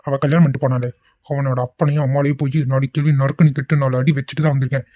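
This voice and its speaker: A man's voice: medium pitch, level tone, racing, dry recording, narrow, tinny audio, lightly acted. A man voicing an arrogant, threatening middle-aged son who quarrels with his mother in a cartoon. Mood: angry. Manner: harsh, threatening. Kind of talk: cartoon voice acting.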